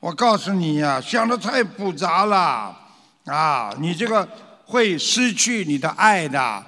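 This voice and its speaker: A man lecturing an audience on traditional culture, animated and full of rhetorical questions, now and then acting out frightened voices. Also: sits high, slow pace, in a large hall.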